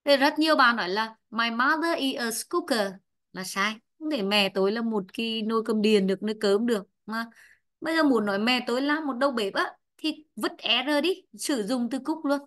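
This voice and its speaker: A woman's voice: a little high, a little fast, fairly bright tone. A woman English teacher with a Vietnamese accent, a native Vietnamese speaker, giving an online lesson, drilling words by saying each twice and explaining in her own language.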